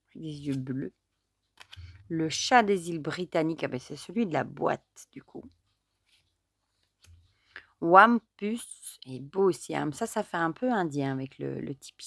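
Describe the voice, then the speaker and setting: A chatty woman talks through an oracle card deck at a relaxed, conversational pace, full of little fillers and bursts of enthusiasm. Her voice sits fairly low for a woman. It is recorded close and dry, with almost no room sound. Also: no echo. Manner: chatty, enthusiastic, many fillers like euh and du coup. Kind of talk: casual card deck review with reading aloud.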